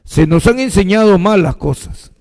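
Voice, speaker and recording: A man's voice: high-pitched, lively intonation, moderate pace, darkish tone, long reverb tail, low-quality recording. A man preaching a sermon as a pastor, posing questions to his congregation and answering them himself. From Peru.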